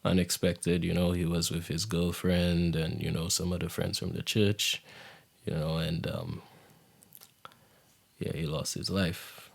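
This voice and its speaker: A young man, hosting a podcast in a reflective, soft-spoken monologue. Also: flat delivery, a little slow. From Saint Lucia. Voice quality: low gravelly voice. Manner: reflective, soft-spoken, drops into hushed near-whisper. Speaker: podcast host. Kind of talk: casual monologue.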